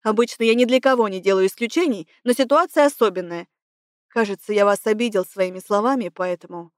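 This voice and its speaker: A woman's voice: mid-range voice, brisk, no echo, studio quality, lightly acted. A woman voicing a stern male boss who gives curt, cold orders in an audiobook.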